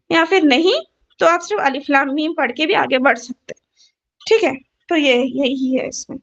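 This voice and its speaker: A woman's voice: high voice, fairly bright tone, highs cut off. A woman tajweed teacher explaining recitation rules patiently, repeating each rule and asking her students questions. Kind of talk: online Quran recitation lesson.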